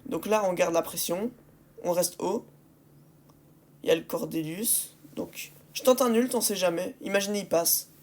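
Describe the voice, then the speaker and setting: A woman's voice: on the low side, normal speed. A woman giving casual gameplay commentary, exasperated with her teammates and repeating phrases and rhetorical questions for emphasis. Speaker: gaming video creator commentating on match replays.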